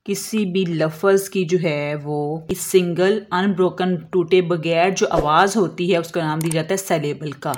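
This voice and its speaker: A woman explaining a lesson as an English teacher, slowly drawing out example words and answering her own questions. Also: on the low side, steady tone, a little mellow, a little hiss or hum. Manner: asks questions and answers them herself.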